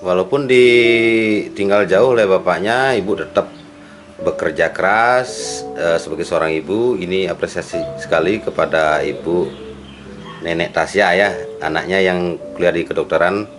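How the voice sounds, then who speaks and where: A very deep-voiced man conducting a casual interview, summarizing and affirming each answer and ending his points with tag questions. Music plays clearly under his voice. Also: moderate pace. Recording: clear music playing behind.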